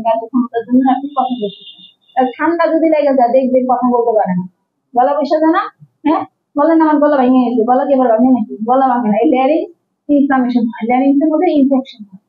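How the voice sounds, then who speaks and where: A woman's voice: high-pitched, narrow, tinny audio. A young woman with a Bangladeshi Bengali accent giving a classroom lecture as a medical instructor, who explains patiently, asks questions and repeats key terms.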